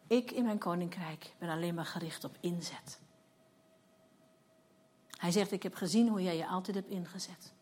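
This is a woman in her fifties with a mid-range, slightly mellow voice. As a church leader, she preaches a testimony sermon about her own life, narrating vividly and acting out what was said.

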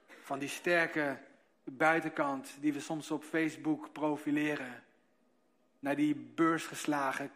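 A man preaching a sermon to his congregation, telling stories and slowing down on key words for emphasis. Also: mid-range voice, fairly bright tone. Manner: storytelling, slows down for emphasis.

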